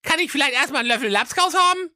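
A man voicing a dim, carefree young prince with a high goofy voice and a cheeky manner. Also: lively intonation, racing, pushed and bright, no echo, clean studio sound, heavily acted.

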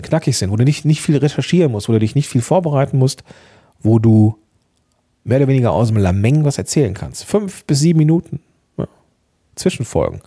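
A man hosting a podcast, giving chatty, encouraging advice straight to the listener and often checking in with a quick "ja?". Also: medium pitch, dark tone, breathy edge. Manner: chatty, encouraging, addresses listener directly with frequent "ja?". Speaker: podcast host and coach. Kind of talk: casual podcast advice monologue.

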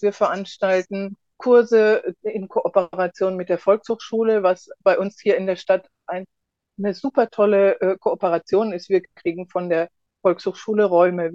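A woman's voice: on the low side, steady tone, normal speed, warm tone, dry recording. Woman interviewee, slightly dull dry recording. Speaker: spokeswoman of a local association, podcast guest. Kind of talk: explanatory interview talk.

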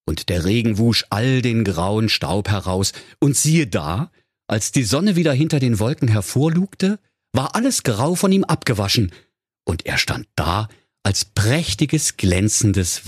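A man's voice: fairly low pitch, animated, slow pace, husky, no room sound, clean studio sound. A man narrating a comic fairy tale in an ironic, playful way. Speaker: storyteller.

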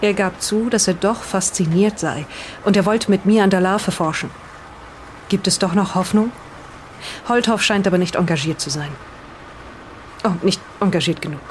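In an audio drama, a woman plays a hesitant, bewildered reader of an old diary, reading it aloud haltingly while absorbed and breaking off to comment. Her mid-range voice is close to an everyday one, with slight background noise.

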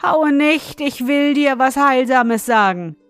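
A woman's voice: mid-range voice, steady tone, a little slow, gravelly, dry recording, soft background music. A woman doing a scheming ancient witch. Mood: shrill pleading. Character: ancient evil witch, scheming then pleading.

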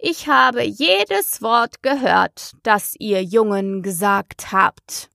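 Woman doing a hoarse sleepy dormouse. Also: medium pitch, sharp tone, no room sound, studio quality, exaggerated voice. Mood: drowsy grumbling. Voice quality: hoarse, weak. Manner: slow, drowsy, touchy. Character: sleepy old male dormouse, grumpy.

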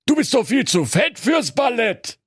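A man's voice: very high-pitched, sing-song, a little slow, slightly rough, no room sound, clean studio sound, voice pushed up, full character voice. A man voicing a mocking octopus in a comic audiobook. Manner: cheeky, mocking. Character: mocking eight-armed octopus.

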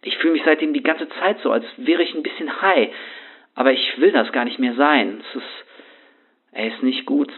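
In a lightly acted, slightly rough, medium-pitched voice at a moderate pace, a man plays a shaken young homeless man. The piece is a first-person horror monologue in which the character rambles anxiously in street slang. The audio sounds tinny, like a phone.

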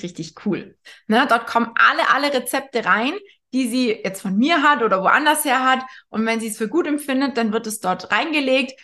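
A woman's voice: on the high side, fairly bright tone. A woman nutrition coach giving casual spoken advice, chatty, with frequent tag questions and restarts. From Germany.

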